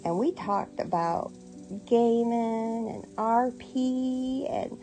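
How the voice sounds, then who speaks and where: A middle-aged American woman with a fairly high yet dark-toned voice casually tells a personal story, playful and sassy, acting out the dialogue. She's a storyteller and online content creator. The recording is rough, with music clearly playing behind her.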